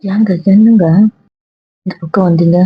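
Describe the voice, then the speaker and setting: A woman acting as a gentle, coaxing wife in a homemade family drama, speaking softly with a slightly husky tone. The sound is muffled and dry. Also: mid-range voice, steady tone, measured pace, no echo.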